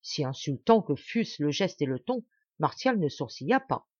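A woman reading a classic novel aloud as an audiobook, narrating in a measured, clear way. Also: low-pitched, big pitch swings, darkish tone, dry recording, muffled recording. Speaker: audiobook reader.

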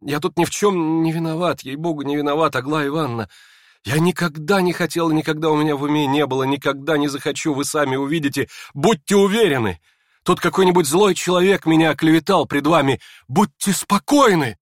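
A man's voice: medium pitch, normal speed, no room sound, clean studio sound, close to an everyday voice. A man reading aloud and voicing a meek, earnest young prince who speaks in a hesitant, apologetic way. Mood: flustered.

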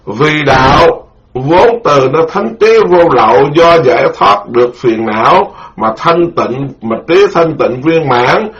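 A middle-aged man, a Buddhist monk giving a dharma lecture, speaking slowly and repeating key terms for his listeners. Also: fairly high pitch, animated, a bit bright. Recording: dull lo-fi recording.

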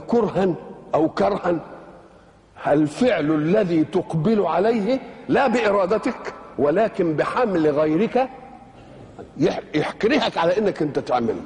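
Older male Egyptian exegete, fast colloquial delivery, quizzes then answers himself. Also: sits high, darkish tone, in a large hall. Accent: Egyptian Arabic. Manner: rhetorical questions answered himself, colloquial asides. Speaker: Quranic exegete. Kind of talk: religious lecture.

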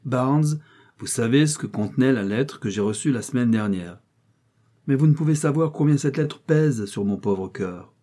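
A man voicing an old, ailing, wealthy gentleman who is commanding and impatient, in an audiobook reading. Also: mid-range voice, lively intonation, moderate pace, close to an everyday voice.

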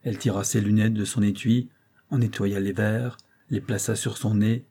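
A man narrating a classic novel in a measured, literary reading style. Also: on the low side, level tone, mellow. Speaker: audiobook narrator.

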